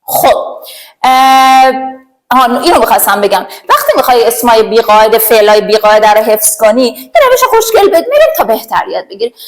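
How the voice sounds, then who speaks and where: A woman teaching an English grammar lesson, chatty and playful, giving verbs voices and drilling word pairs slowly. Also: on the high side.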